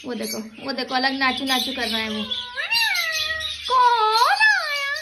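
A woman's voice: high voice, steady tone, fairly quick. A woman chatting with her pet parrots at home, coaxing and scolding them in baby talk. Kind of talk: casual talk to pet birds. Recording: loud background noise with bird chirps.

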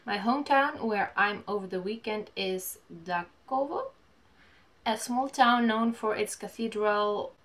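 A woman in her twenties chatting casually while opening mail at home, gushing and reading letters aloud haltingly. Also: mid-range voice, fairly bright tone. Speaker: vlogger. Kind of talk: casual unboxing chat. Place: small home room, indoors.

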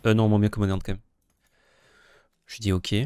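Male player, lowish voice, mutters moves while playing. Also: level tone, moderate pace, dark tone, clear, resonant tone, no room sound. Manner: thinks aloud, muttering moves. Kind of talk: casual game commentary.

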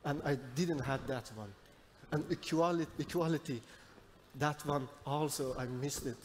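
A young man who grew up in Iran, moderating a live panel on a large stage with a headset mic, speaking in a hesitant, halting way with many fillers. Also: on the high side, darkish tone, slight background noise.

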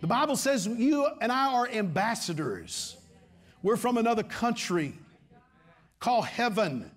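High-voiced preacher. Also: male voice, very animated, measured pace, faint music behind. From Texas. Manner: call-and-response preaching, repeating phrases and asking for amens. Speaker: pastor. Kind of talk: sermon. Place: large church stage before a congregation.

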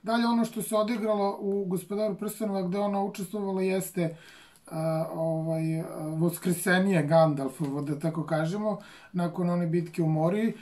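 A man's voice: high-pitched, fairly even intonation, a little fast, a little mellow. Man, podcast host, casual explaining, hesitant, lots of fillers. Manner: many fillers and restarts while explaining.

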